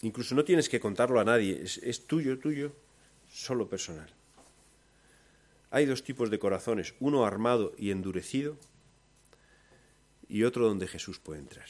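A man with a Spanish accent from Spain preaching a sermon, moving between loud, lively storytelling and soft, low emphasis. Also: moderate pace, long pauses.

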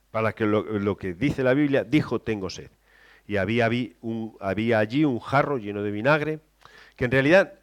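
A man preaching a sermon, moving between quiet scripture reading and loud, emphatic exclamations. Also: on the low side.

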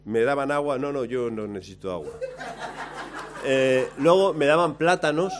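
A man telling a lively, self-mocking story about himself, acting out his own lines along the way. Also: medium pitch, normal speed. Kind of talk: anecdote told to listeners.

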